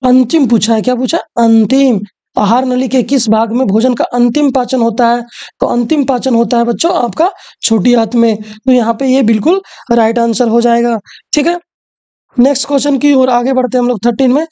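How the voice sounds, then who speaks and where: A woman's voice: a little high, fairly even intonation, fairly quick, mellow. Woman teacher. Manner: repeats rhetorical questions to students. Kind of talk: exam question walkthrough.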